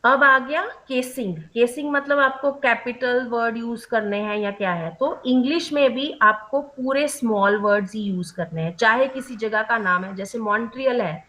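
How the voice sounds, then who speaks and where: Brief: young woman trainer, slightly high voice, patient step-by-step explainer who keeps checking in, drops English terms into her speech. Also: fairly bright tone, rough recording. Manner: mixes English terms into Hindi. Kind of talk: online training session.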